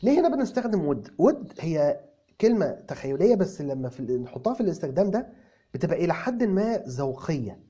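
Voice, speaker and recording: A man's voice: on the high side, big pitch swings, a little fast, mellow, husky. A man with an Egyptian Arabic accent playing a self-assured young English tutor who stammers through restarts and explains with repeated examples. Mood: breezy, explaining. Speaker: English tutor answering viewer comments. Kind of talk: comic video lesson. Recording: dull lo-fi recording.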